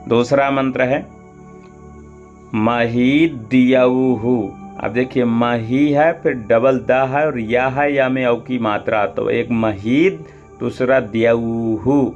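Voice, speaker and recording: Male Sanskrit teacher, very slow chanting between quick explanations, dull lo-fi audio with soft music behind. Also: mid-range voice. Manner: chants mantras slowly, then explains pronunciation briskly. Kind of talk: mantra recitation lesson.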